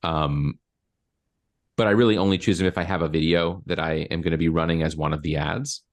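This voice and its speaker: A male marketing coach in his forties guides a client one step at a time during a video call with screen sharing. He speaks with an extremely low pitch and fairly even intonation, moving along fairly quickly and leaning on lots of filler words.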